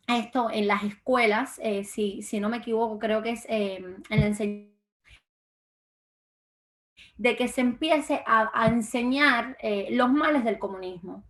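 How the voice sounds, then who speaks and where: This is a young woman from Cuba, speaking as an interview guest in a political talk. Her voice sits a little high for a woman. She talks hesitantly, with frequent fillers and repeated words as she works out her points. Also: a bit bright. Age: young adult. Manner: hesitant, many fillers and restarts. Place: lives in Florida.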